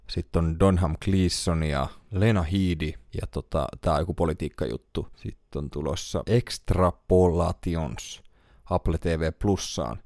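Casting: male podcast host, very low voice, dry close sound, rambling casual delivery. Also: darkish tone, dry recording. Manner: thinks aloud, browsing lists, many fillers. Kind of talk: casual solo podcast talk.

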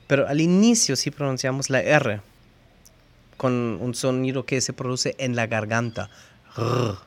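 A language teacher explains pronunciation to learners, demonstrating the sounds and spelling at a slow, careful pace. His voice is medium in pitch and a bit bright.

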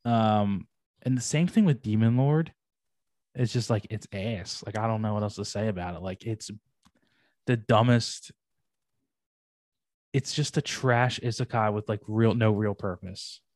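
A man's voice: fairly low pitch, measured pace, pauses often, a little mellow, no room sound, studio quality. A young man co-hosting a podcast, chatting casually and animatedly with lots of slang and casual swearing. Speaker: podcast co-host. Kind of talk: casual chat reviewing anime.

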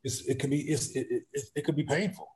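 A man's voice: a little high, fairly even intonation, fast talker, darkish tone. A man speaking as an activist guest in a conversational interview, thinking aloud with frequent restarts and acting out the questions he asks.

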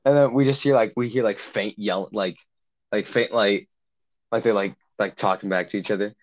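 A man's voice: lowish voice, fairly even intonation, normal speed. Rambling young man, lo-fi recording. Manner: rambling, heavy use of "like", acts out quotes. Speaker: podcast co-host. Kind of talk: casual storytelling chat. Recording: dull lo-fi sound.

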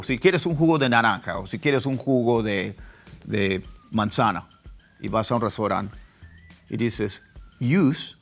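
A man whose first language is Spanish, teaching English pronunciation and repeating word pairs slowly to contrast them, with faint music underneath. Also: lowish voice, vocal fry. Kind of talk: casual pronunciation lesson.

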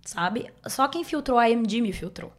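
A woman's voice: on the high side, animated, normal speed. Young woman chatting casually as a podcast guest, mixes in english med words. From Bahia, Brazil. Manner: informal, sprinkles English medical terms into speech. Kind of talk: casual interview storytelling.

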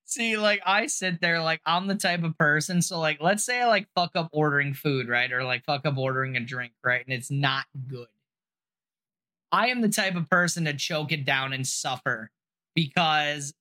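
A man's voice: fairly high pitch, sharp tone. A young man co-hosting a podcast in casual chat, crude and profane, often breaking into laughter. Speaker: podcast co-host.

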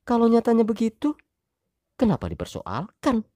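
A woman voicing a sharp-tongued young wife in an audio story, shrill and sarcastic as she argues with her husband. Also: huge pitch swings, moderate pace, no room sound, studio quality. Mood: indignant. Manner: shrill, sarcastic, rising indignation.

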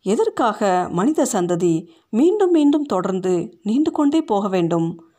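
A woman's voice: mid-range voice, big pitch swings, measured pace, dark tone. A woman voicing a bitter, defiant aging schoolteacher with a scornful, cutting way of speaking.

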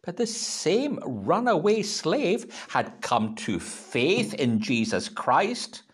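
Older male minister, sermon delivery, unhurried, very animated intonation. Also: breathy edge. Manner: slow, gentle storytelling with wide pitch swings. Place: church.

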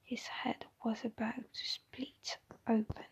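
A woman reading a story aloud in a soft, unvoiced whisper, slow and hushed, with the odd small restart. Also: on the high side, level tone, husky. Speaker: reader. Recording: dull lo-fi recording.

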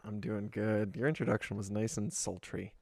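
A man co-hosts a casual podcast in a low voice with a lot of gravelly fry. He talks in a laid-back, thoughtful way and feels around for his words. He is recorded dry and close. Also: steady tone, normal speed, dry recording. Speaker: podcast co-host.

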